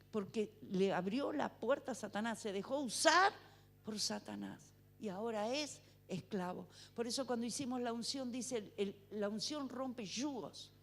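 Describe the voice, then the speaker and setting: A woman preaching a fervent sermon in church, building to shouted exhortations. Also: on the high side. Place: church sanctuary.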